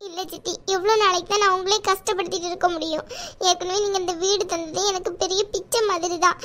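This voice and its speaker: A woman's voice: extremely high pitch, steady tone, quick pace, fairly bright tone. A woman voicing a timid young married woman in a cartoon, tearful, pleading and apologetic. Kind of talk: cartoon voice acting.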